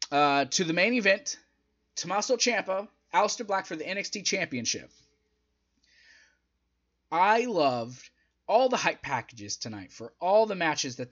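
Recorded on a desk mic close in front of him in a small indoor room at home, a young adult man reviews wrestling with casual, emphatic opinions. His voice leans high and a little bright, his throat sounds somewhat strained, and the recording is muffled.

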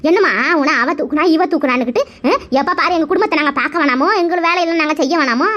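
A woman voicing a sharp-tongued village woman who scolds and grumbles sarcastically in a cartoon family quarrel. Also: high-pitched, very fast. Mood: scolding. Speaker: cartoon voice artist. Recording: dull lo-fi recording.

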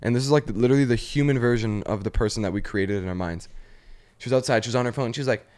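A man hosting a comedy podcast, telling a story with animated energy, using "like" and "literally" constantly and laughing often. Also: medium pitch, rapid-fire. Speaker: podcast host. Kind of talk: casual comedy podcast chat.

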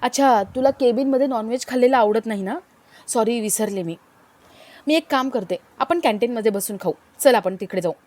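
A woman's voice: fairly high pitch, a little fast, darkish tone, natural voice. A woman voicing a friendly young woman coworker who chatters eagerly. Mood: chatty.

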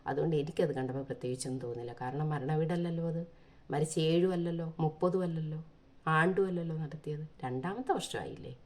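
A woman with a low, mellow voice speaks in an earnest, pleading monologue. She is from Kerala and drives her points home with one rhetorical question after another. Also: quick pace. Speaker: vlogger. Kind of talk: impassioned opinion monologue.

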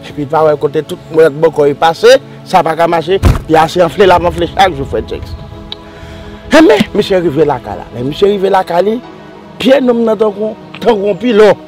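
An actor playing a boastful man who claims to work miracles for pay, talking in an excited, insistent way. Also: on the high side, normal speed, faint music behind, lightly acted. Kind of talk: amateur drama acting.

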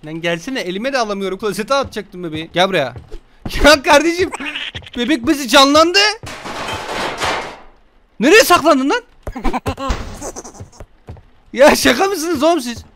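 A young man giving joking, casual let's-play commentary, scolding and teasing a game baby with rough slang. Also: extremely high pitch, animated, normal speed, pauses often, pushed and bright, slight background noise. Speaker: gaming streamer.

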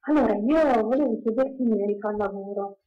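A woman in her thirties calling a live tarot radio show by phone, speaking politely and matter-of-factly. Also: fairly high pitch. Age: 30s. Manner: quick, polite, matter-of-fact. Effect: call-in voice heard over a phone line. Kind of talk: casual phone chat.

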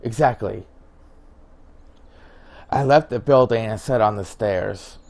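A man reads a visual novel aloud in a casual way, with a low voice. He often stumbles on a word and starts it again, and he slips in quiet side comments between the lines of the story. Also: normal speed. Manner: stumbles, restarts, mutters asides. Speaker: game narrator.

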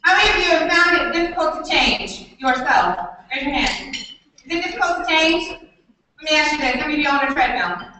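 A middle-aged woman giving a motivational keynote, animated, quizzing the audience and acting out voices in her stories. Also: high voice, fairly quick. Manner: animated, asks the audience questions, acts out quoted voices. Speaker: keynote speaker. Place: conference room. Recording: very echoey hall, voice from far off, faint noise.

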